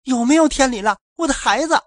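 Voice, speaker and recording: A man's voice: fairly quick, husky, dry recording, studio quality. A man voicing a terrified young mother. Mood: panicked. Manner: shrill, desperate shouting. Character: terrified young mother, woman in her thirties.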